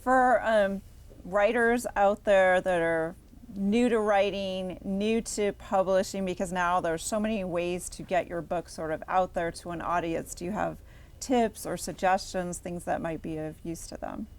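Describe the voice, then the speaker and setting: A woman's voice: fairly low pitch, unhurried. Attentive woman asking interview questions. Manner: attentive, encouraging with short affirmations.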